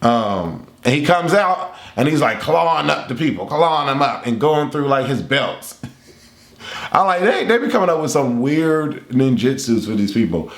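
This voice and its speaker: Rambling animated man in a roomy room. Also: medium pitch, moderate pace. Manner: animated, rambling, laughs often. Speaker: anime reviewer. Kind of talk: casual chat. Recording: roomy echo.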